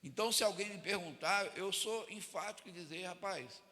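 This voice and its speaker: With a high, bright, forceful voice and a slightly quick pace, a Brazilian evangelical pastor delivers a casual, colloquial sermon to church leaders, repeatedly seeking their agreement and amens. The hall he's in is echoey with long reverb.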